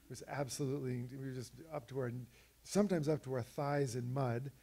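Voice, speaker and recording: Man with a gravelly, mellow voice. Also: medium pitch, a little fast. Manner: relaxed storytelling, frequent fillers and restarts. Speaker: speaker presenting slides of an expedition. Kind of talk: illustrated talk to an audience.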